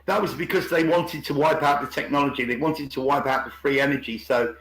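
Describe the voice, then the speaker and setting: Fairly quick and a bit bright, this man's medium-pitched voice holds a steady tone as he argues his views in an unscripted online group call indoors, frequently restarting and repeating himself. The recording echoes and sounds roomy.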